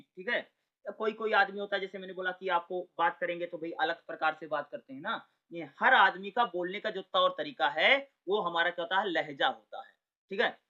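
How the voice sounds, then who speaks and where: A man's voice: high voice, bright, forceful tone. A man giving an informal exam-prep lecture, chatty and full of rhetorical questions and repeated check-ins. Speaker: teacher. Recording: dull lo-fi audio.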